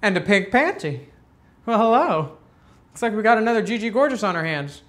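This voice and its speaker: A man talking as a sassy, campy drag queen host, giving catty comic commentary on video clips in a bright, high-placed voice. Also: sing-song, a little fast. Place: photo studio with grey backdrop.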